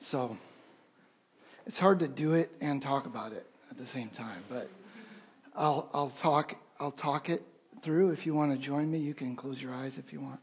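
A man leading a congregation in a slow, gentle breath prayer, speaking softly with pauses as a pastor. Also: medium pitch, husky. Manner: slow, gentle, soft-spoken guiding with pauses.

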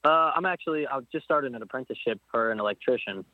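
This young adult guest, a nineteen-year-old motorcycle racer from Pennsylvania, talks quickly and expressively in a medium pitch. It's a casual phone interview, and he meanders with frequent restarts. The audio is tinny and dry, echo-free.

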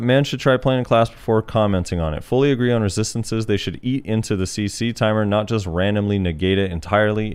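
A man's voice: lowish voice, a little mellow, smooth. A man hosting a casual podcast, reading listener comments aloud in a laid-back way with plenty of fillers. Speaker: podcast host.

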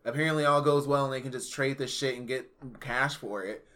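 A man's voice: medium pitch, fairly even intonation, a little fast, fairly bright tone. A man casually retelling a movie plot with friends, rambling and full of "like", often swearing. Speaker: podcast co-host. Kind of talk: casual movie recap chat.

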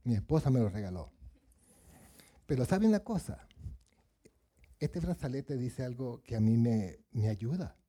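Preacher, male, mellow husky tone, lively sermon that acts out the Bible voices. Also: medium pitch, measured pace, pauses often. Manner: asks the congregation questions, acts out Bible voices.

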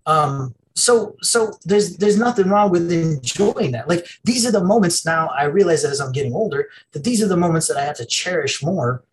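A man's voice: fairly high pitch, expressive, moderate pace, few pauses, a little hiss or hum, poor audio. A middle-aged man co-hosting a podcast, swearing freely and rambling in casual chat. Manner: rambling, profane, laughs a lot. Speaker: podcast co-host.

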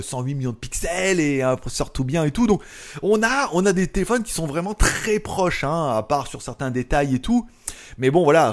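A man in the middle of his range talks through gadget news in a loose, chatty way. He keeps dropping sarcastic asides and filler words as he goes. His voice sits at an ordinary male pitch. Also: darkish tone. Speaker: tech news vlogger. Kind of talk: casual tech news chat. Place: lives in Thailand.

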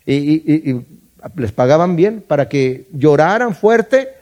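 Mexican guy teaching bible study, chatty, repeats himself a lot, kinda high voice. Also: animated, unhurried, darkish tone. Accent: Mexican Spanish. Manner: conversational, repeats words, asks "¿verdad?".

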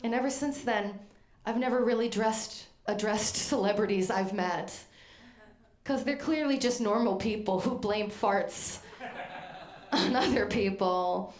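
Woman storyteller, from Maine, lively and self-mocking, roomy stage sound. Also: medium pitch, unhurried. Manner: animated, self-deprecating, acts out voices. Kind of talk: live comedic storytelling.

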